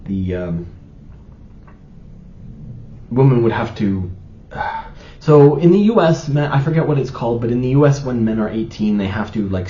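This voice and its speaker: A young man hosting an opinion monologue, rambling with many fillers and restarts as he argues his case. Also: warm tone. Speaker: channel host. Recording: roomy, slightly dull recording with faint rumble.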